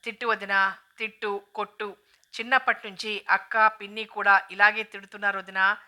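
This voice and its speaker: A woman's voice: mid-range voice, level tone, normal speed, sharp tone. A woman reading the lines of a shy, troubled young woman who speaks hesitantly. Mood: sad.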